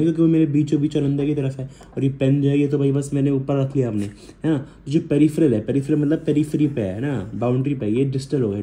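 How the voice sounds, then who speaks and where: Dark-voiced young man teaching casually. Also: medium pitch, a little hiss or hum. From India. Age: young adult. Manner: chatty, calls listener bhai constantly, counts aloud. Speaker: student making revision videos. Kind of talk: casual lesson.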